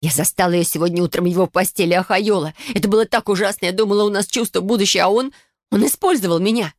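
A woman's voice: mid-range voice, fast talker, no room sound, studio quality, natural voice. A woman voicing a tearful, frightened young noblewoman who pleads between sobs. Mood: distraught. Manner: pleading, sobbing.

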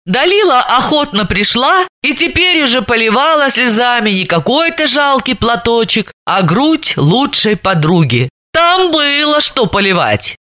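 A woman narrating an audiobook in an expressive, lively way. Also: fairly high pitch, a little slow, hardly any pauses. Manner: lively, acts out dialogue.

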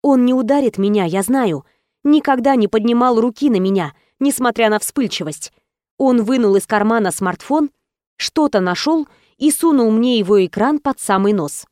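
A woman's voice: on the high side, animated, normal speed, darkish tone, dry recording. A woman giving an earnest, emotional first-person audiobook narration into a close studio mic.

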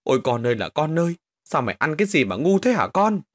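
A man's voice: medium pitch, big pitch swings, normal speed, a bit bright, breathy edge, no echo, studio quality. A man voicing a middle-aged mother who scolds her son shrilly. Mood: scolding.

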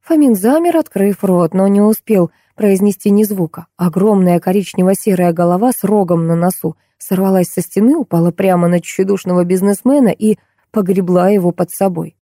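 A woman narrating an audiobook in an expressive scripted reading. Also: mid-range voice, normal speed, no echo, clean studio sound.

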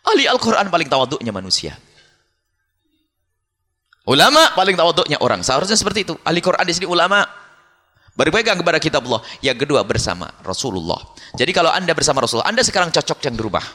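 A man preaching a sermon with Quran commentary, switching into pleading prayer voices and acting out dialogue. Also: fast talker. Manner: animated, acts out prayers in high voice. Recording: hall reverb.

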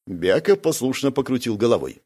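A man narrating an audiobook in an expressive storytelling manner. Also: mid-range voice, fairly quick, slightly rough. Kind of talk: scripted narration.

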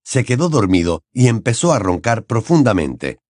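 A man narrating an audiobook in an expressive, dramatic storytelling manner. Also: medium pitch, normal speed, dry recording, studio quality. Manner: dramatic, varied storytelling delivery.

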